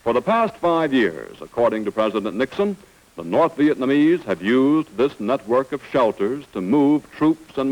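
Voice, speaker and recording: Old newsreel narrator, male, steady formal announcer read, mid-pitched voice. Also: poor audio.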